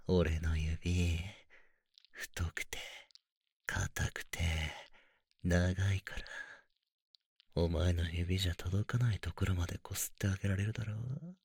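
A man voicing a doting, teasing older brother in a whispered role-play, speaking in a low, intimate murmur. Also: steady tone, takes it slowly, long pauses, a little mellow, no room sound, studio quality, heavily acted. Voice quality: breathy. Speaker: voice actor.

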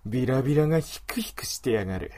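A man voicing a domineering, mocking male wolf creature in an adult audio drama, with rough, commanding speech. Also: mid-range voice, expressive, fast, a little mellow, close to an everyday voice. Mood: leering, commanding.

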